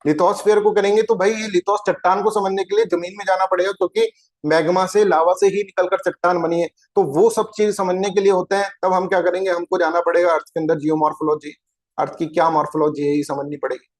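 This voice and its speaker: A man's voice: high voice, flat delivery, fast talker. A man teaching an exam-prep geography lecture, chatty and informal, who keeps asking his students rhetorical questions.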